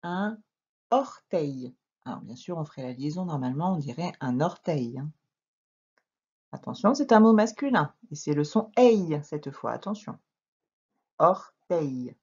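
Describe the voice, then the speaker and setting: Woman, French accent, primary teacher, slow lively dictation, husky voice, dull lo-fi sound. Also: low-pitched. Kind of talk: reading lesson for young children. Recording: dull lo-fi recording.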